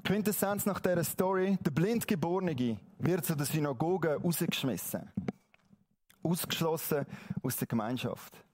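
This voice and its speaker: A man's voice: a little high, lively intonation, darkish tone. A man with a Swiss German accent preaching, retelling a Bible story in a conversational way and often checking in with his listeners. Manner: conversational, asks "oder?" often, dramatic slow readings.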